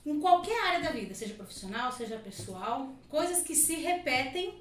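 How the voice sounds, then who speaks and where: A woman's voice: sits high, sing-song, normal speed. A woman guest on a podcast, explaining her body-analysis work at length with frequent asides. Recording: echoey room, mic at a distance, faint noise.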